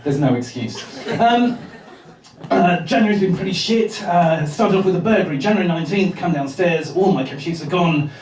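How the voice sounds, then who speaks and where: A male stand-up comedian from England with a high voice, rambling through his set with hesitant fillers and deadpan delivery. He is recorded in a roomy club, heard from a distance with the audience around him.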